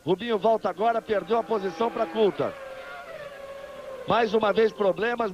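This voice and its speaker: A Brazilian man commentating live on a motor race, emphatic and repeating positions and phrases. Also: high voice. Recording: dull, noisy old TV broadcast.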